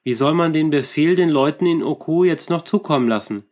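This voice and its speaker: A man reading a storybook, voicing a worried old official and father who speaks gruffly. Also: fairly high pitch, brisk, a little mellow, close to an everyday voice. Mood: fretful.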